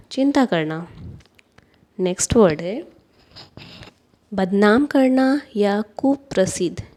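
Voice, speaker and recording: Female teacher, unhurried repetitive word drill, mid pitch. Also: a little mellow. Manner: repeats each word slowly, deliberate. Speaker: English vocabulary teacher. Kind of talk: vocabulary drill.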